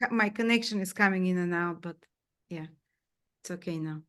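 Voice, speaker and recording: A woman's voice: on the low side, moderate pace. A woman interviewer speaking over a video call with a bad connection that cuts in and out, apologizing in short interjections. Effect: bad connection cutting in and out. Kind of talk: casual online interview. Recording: distant breaking-up call audio.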